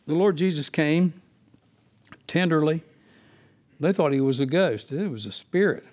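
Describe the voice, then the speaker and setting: Male Bible study teacher, fairly high voice, unscripted sermon delivery with rhetorical questions. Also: unhurried, darkish tone.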